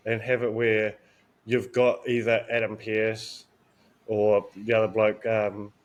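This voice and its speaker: A man co-hosting a wrestling podcast, relaxed and conversational as he pitches ideas to his co-host. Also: slow pace. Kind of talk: casual podcast chat.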